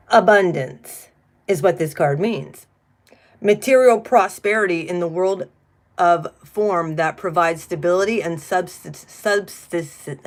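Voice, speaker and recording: A middle-aged woman doing a casual spiritual card reading, chatty and blunt, who swears freely when she gets riled. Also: lowish voice. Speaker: tarot card reader.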